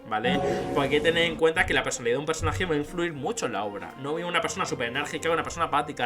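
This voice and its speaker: In an informal tutorial, a male YouTuber shares tips on writing dialogue and keeps asking "¿vale?" to check in. His pitch is fairly high and his tone fairly bright.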